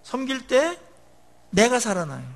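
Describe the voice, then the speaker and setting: High, lively Korean-speaking pastor preaching. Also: male voice, measured pace, gravelly. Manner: conversational preaching with rhetorical questions to the congregation; swings between rising emphatic peaks and low dropped phrase endings. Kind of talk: sermon.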